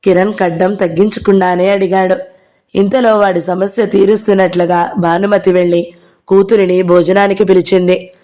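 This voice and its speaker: A woman's voice: mid-range voice, flat delivery, normal speed, dark tone. A woman narrating a novel as an audiobook, reading the dialogue of each character in her own voice.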